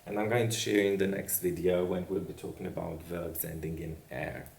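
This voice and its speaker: Deep gravelly man, unhurried teacher, echoey room, distant mic. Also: level tone, darkish tone, a little hiss or hum. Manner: repeats "okay?" after each point, spells out endings slowly. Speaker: language teacher. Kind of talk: slow grammar lesson with board work.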